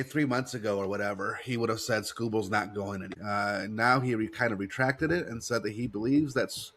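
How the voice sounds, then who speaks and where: A man's voice: mid-range voice, a bit bright. Stuffy-nosed American man talking sports. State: congested with a head cold, mouth breathing. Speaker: sports talk host. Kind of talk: sports talk commentary.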